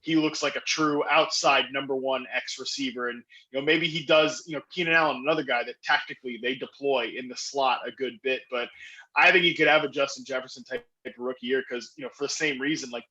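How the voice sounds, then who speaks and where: The clip is a rough recording of a man at medium pitch. He's a fantasy football analyst on a podcast, an enthusiastic fast talker who keeps restarting and filling pauses.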